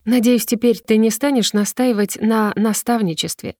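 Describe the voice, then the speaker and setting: A sweet young woman who speaks lightly and politely, as a woman reading a storybook puts her on. Her voice is lifted a little higher than the narration. The sound is dry and close. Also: fairly even intonation, moderate pace, darkish tone, dry recording, close to an everyday voice.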